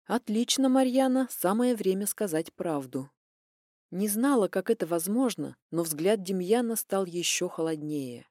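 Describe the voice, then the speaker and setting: A woman narrates a first-person audiobook in a mellow, dark-toned voice, telling the story expressively and dramatically. The sound is dry and close to the microphone, with no room echo. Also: medium pitch, expressive, a little slow.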